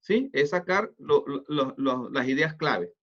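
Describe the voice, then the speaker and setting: A middle-aged man giving an online lecture, explaining step by step and often pausing to ask whether students follow. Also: fairly high pitch, animated, fairly bright tone. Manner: explanatory, often checks understanding with tag questions. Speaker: teacher. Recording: dull lo-fi online class audio.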